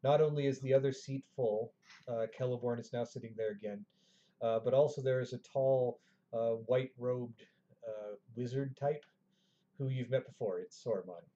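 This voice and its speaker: Give me a man running a tabletop game in a measured, halting way, on a muffled recording. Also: medium pitch, fairly even intonation, dark tone. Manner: measured, hesitant narration with many fillers. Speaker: game master. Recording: dull lo-fi recording.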